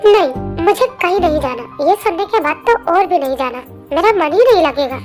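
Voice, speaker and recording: A woman voicing a possessive, quick-tempered young husband in a fan story narration, talking bossily. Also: extremely high pitch, lively intonation. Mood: excited, doting. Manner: bossy, scolding, then doting. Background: faint music.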